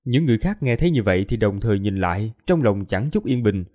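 A man narrating an audiobook in a steady storytelling manner. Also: on the low side, fast talker.

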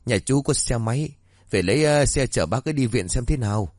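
A man's voice: mid-range voice, lively intonation, a little fast, a little mellow, no room sound, clean studio sound, close to an everyday voice. A man voicing a middle-aged village neighbor in a spoken story, urgent and practical.

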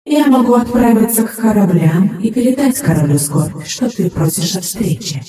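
A hovering female spirit , as a male narrator puts her on, high and mellow, drenched in heavy echo as if far away. She speaks calmly, offering help in a fantasy audiobook. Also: normal speed.

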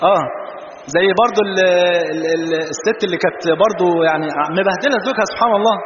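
A man from Egypt with an Egyptian Arabic accent, preaching a sermon full of humorous anecdotes and telling his stories in an animated way. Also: sits high. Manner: animated storyteller, mixes jokes with religious phrases. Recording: dull, roomy, noisy hall recording.

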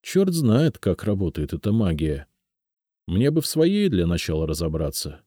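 A man reading a first-person audiobook in a measured storytelling manner. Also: sits low, wildly swooping pitch, dark tone, slightly rough, no echo, clean studio sound. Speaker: audiobook narrator. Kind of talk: scripted first-person narration.

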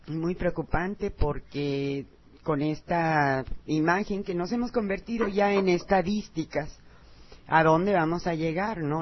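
A man, a radio co-commentator, speaking in a measured, concerned way. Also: fairly high pitch. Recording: dull lo-fi radio recording.

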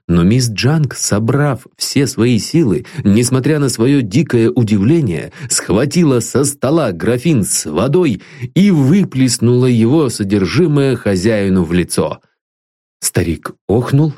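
A man narrating a classic novel as an audiobook in measured storytelling. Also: on the low side, dark tone, no echo, studio quality. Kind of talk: literary narration.

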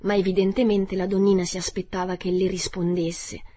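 A woman narrating a children's novel in a measured, even storytelling manner. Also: medium pitch, slightly rough, dry recording. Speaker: audiobook narrator. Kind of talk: scripted narration.

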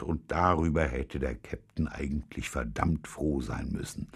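A man reading a children's story aloud with expressive storytelling. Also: extremely low pitch, vocal fry, slightly rough. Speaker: audiobook reader.

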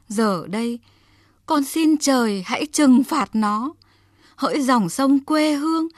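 A woman's voice: on the high side, darkish tone, dry recording, clean studio sound. A woman voicing a poor old mother in rags who pleads and laments, in a storybook tale. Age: older. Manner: pleading, tearful, then solemn cursing. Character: poor old ragged mother, grieving and bitter.

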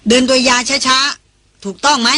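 A woman's voice: high-pitched, fairly even intonation, a little slow, sharp tone, no echo. Woman reading as a sarcastic woman doctor. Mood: sharp. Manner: sarcastic and commanding. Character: sharp-tongued, tense woman doctor.

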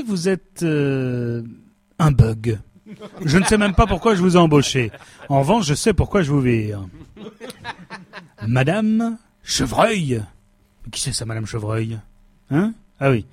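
A man's voice: mid-range voice, a little mellow, breathy edge, dry recording. A man playing a smug cynical boss. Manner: smug, sarcastic, coldly dismissive. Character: cynical male company boss firing his staff. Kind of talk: stage comedy sketch.

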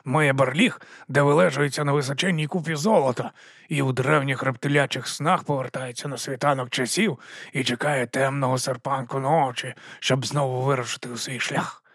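A man voicing a shifty, grubby watchman in an audiobook, speaking in a low, hushed mutter. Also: fairly even intonation, normal speed, slightly rough, no echo, studio quality.

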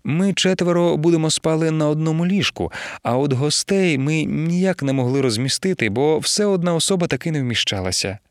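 A man's voice: a little high, fairly quick, hardly any pauses, no room sound, clean studio sound, voice pushed up, close to an everyday voice. A man reading an audiobook, voicing a fussy, overly polite middle-aged mother-in-law who pleads and apologizes. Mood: pleading.

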